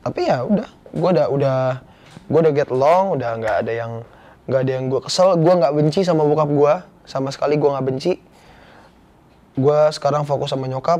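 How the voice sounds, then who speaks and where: A man's voice: medium pitch, a little mellow. A young man, a guest actor telling a personal story in casual, slangy, earnest talk. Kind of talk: casual interview chat.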